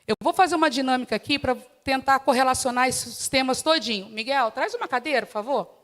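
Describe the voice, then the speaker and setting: A Brazilian woman teaching a church class in an animated way, acting out household scenes in different voices. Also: high voice, brisk. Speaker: Sunday school teacher. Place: church hall.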